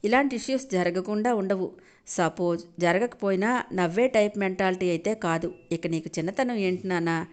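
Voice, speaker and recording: A woman voicing an affectionate, teasing middle-aged aunt who turns sharp and mocking when crossed, in an audio story. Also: mid-range voice, moderate pace, close to an everyday voice. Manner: affectionate, sly, cutting when provoked.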